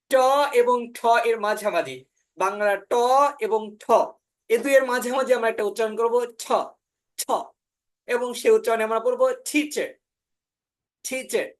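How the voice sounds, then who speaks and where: Giving an online orientation lecture, a spoken English teacher from Bangladesh models pronunciation by saying words over slowly. Her slightly high voice is often broken by "ah" fillers.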